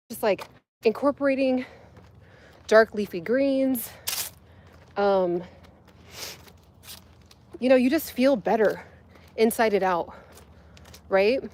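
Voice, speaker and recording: A woman's voice: medium pitch, darkish tone. A woman fitness vlogger chatting casually with live viewers while climbing a steep hill outdoors, breathing hard and full of fillers. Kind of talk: casual livestream chat while hiking.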